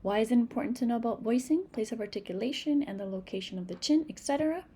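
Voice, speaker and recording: A reading teacher from Massachusetts, a native Spanish speaker with a New England accent, patiently teaches phonics and models speech sounds in an instructional video. Her voice sits on the high side, with a dark tone and a fast delivery. There is slight background noise.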